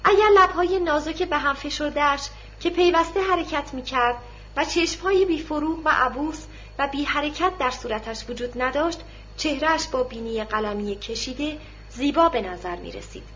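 A woman with a high voice narrates a novel in a steady, measured way. Her reading is scripted and even. The recording sounds dull and lo-fi, with a faint hiss underneath. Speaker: audiobook narrator.

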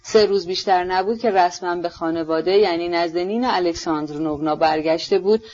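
Steady audiobook narrator, muffled sound. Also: mid-range voice. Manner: steady, measured reading.

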